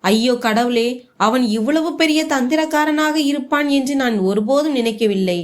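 Devoted, outspoken young wife, read by a woman narrator, fairly high voice. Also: moderate pace, close to an everyday voice. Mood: indignant.

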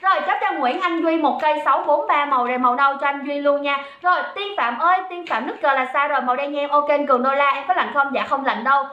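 A woman runs a livestream sales pitch, calling out viewers' comments in a chatty, teasing way. Her voice sits high and bright. The sound is echoey and a little dull. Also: fast talker, hardly any pauses. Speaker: livestream seller.

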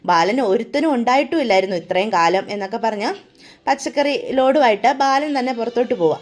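A woman retelling a TV serial episode in a casual, animated way, acting out the characters' lines. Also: a little high, fast. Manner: animated, switches into characters' voices for quoted lines. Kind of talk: casual spoken retelling with acted dialogue.

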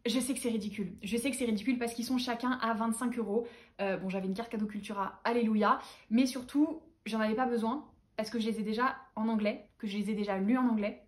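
Young woman, bubbly and gushing, rapid-fire delivery, slightly high voice, casual book vlog. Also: steady tone. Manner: bubbly, gushing fan enthusiasm. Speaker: booktuber host. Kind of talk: casual chat to camera.

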